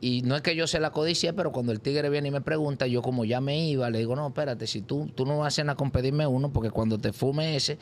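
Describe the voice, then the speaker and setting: A man's voice: fast talker, few pauses, a little hiss or hum. A man telling his life story in an interview, acting out the voices of the people in it. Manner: acts out voices in his story with sudden high cries. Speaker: interview guest. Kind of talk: animated personal testimony.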